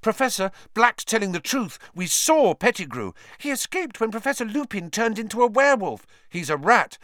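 A man's voice: high-pitched, very animated, unhurried, sharp tone, no room sound, clean studio sound, pitched above the performer's own voice, full character voice. A man voicing an eager, clever teenage girl in an audiobook reading, earnest and urgent. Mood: pleading.

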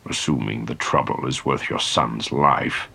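A man voicing a desperate male Sith high lord whose helmet gives his voice a droning sound, often hushed and whispery. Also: steady tone, measured pace, creaky, slightly rough, exaggerated voice. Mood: menacing hush. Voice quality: droning through a helmet voice box. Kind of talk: audiobook character voice.

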